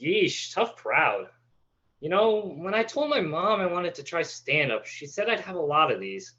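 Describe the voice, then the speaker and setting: A man acts out a floundering young stand-up comic with a high, bright voice. He goes slowly, halting and stammering nervously through the monologue. The sound is slightly dull and lo-fi. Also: very animated, full character voice. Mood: awkward, defeated.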